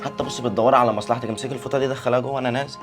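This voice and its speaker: A man's voice: medium pitch, fairly even intonation, racing, soft background music, lightly acted. A young man with an Egyptian accent playing an irritated grown son who complains to his family. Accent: Egyptian Arabic. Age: young adult.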